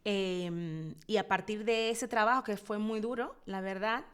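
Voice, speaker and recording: A Dominican woman in her thirties, a psychologist guest telling her life story in an interview, expressive and reflective, pausing often as she thinks. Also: medium pitch, clear, resonant tone. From Dominican Republic. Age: 30s. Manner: expressive, reflective, with frequent hesitations.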